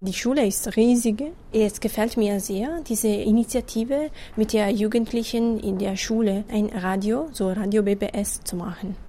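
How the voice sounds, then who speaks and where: A mellow, warm-toned woman speaking German with an Italian accent, her first language being Italian. She answers questions hesitantly, pausing on fillers and keeping her phrasing simple. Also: medium pitch. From Italy. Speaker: foreign language assistant. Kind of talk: casual interview answers.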